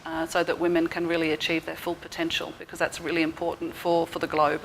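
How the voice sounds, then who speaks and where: Woman guest, very flat voice, lowish, earnest, faint noise. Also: quick pace, vocal fry, poor audio. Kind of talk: radio interview.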